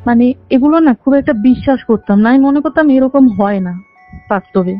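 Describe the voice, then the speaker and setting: A caller around twenty years old recounts a personal story earnestly and in detail, her high-pitched voice moving a little fast with no echo. The phone line sounds dull and band-limited, and faint music plays behind her.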